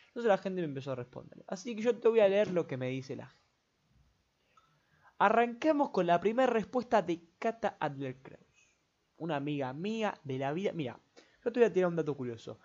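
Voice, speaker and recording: A man's voice: a little high, darkish tone. Chatty Rioplatense young man, lo-fi. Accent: Rioplatense Spanish. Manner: rambling, chatty, full of filler tags. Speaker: podcast host. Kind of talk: casual solo podcast chat. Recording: dull lo-fi recording.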